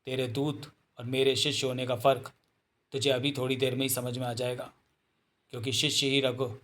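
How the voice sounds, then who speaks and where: A man's voice: medium pitch, flat delivery, moderate pace, fairly bright tone, lightly acted. A man voicing a fierce, proud wolf-man warrior who speaks sternly and defiantly.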